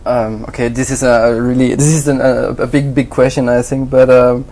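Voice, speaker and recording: At a moderate pace and a level tone, a man with a medium-pitched, somewhat mellow voice responds in an interview. He's a Swiss graphic designer whose answers come out hesitant and halting, with many fillers and restarts.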